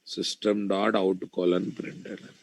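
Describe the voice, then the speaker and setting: A man's voice: low voice, level tone, slow, creaky, rough recording. A man with a Telugu Indian accent giving an informal live coding lecture, thinking aloud, repeating his phrases and putting questions to his students. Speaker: programming instructor.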